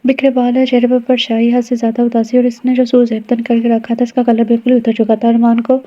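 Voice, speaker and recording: A woman narrating a romance novel aloud as an audio novel, reading at a steady, even pace. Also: on the high side. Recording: dull lo-fi recording.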